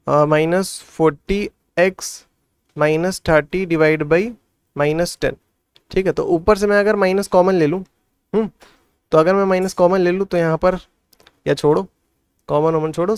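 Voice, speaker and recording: His voice sits on the high side with a darkish, clean tone, and there's no room sound. He solves textbook maths problems one step at a time, thinking out loud and often asking the listener "theek hai."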